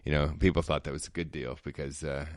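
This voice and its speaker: Man, very low voice, dry close sound, rambling anecdotal guest. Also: flat delivery, fast talker, no room sound. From Canada. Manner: rambling, laid-back, frequent fillers. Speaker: former pro football player, guest. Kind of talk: casual storytelling chat.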